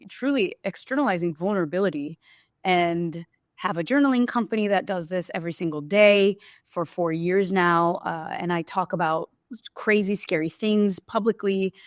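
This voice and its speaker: On a podcast, a woman from Brazil chats casually with the interviewer, telling stories about her life in an open, reflective way. Her voice sits on the low side, and the studio-quality recording has no echo.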